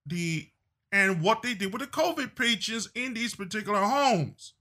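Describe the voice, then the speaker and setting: A man's voice: high voice, lively intonation, moderate pace, bright, forceful tone. A man delivering a political opinion monologue, emphatic, repeating phrases and restarting sentences. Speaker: political commentator.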